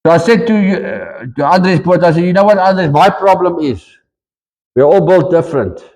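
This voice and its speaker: South african pastor guy preaching, high voice, bouncing between english and afrikaans, long echo off the church hall. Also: a little fast. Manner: switches between English and Afrikaans mid-sentence, animated. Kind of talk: sermon.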